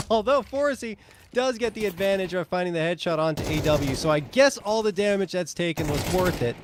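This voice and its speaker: A man doing live esports play-by-play as a caster, his voice climbing excitably with the action. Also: high-pitched, normal speed, background noise.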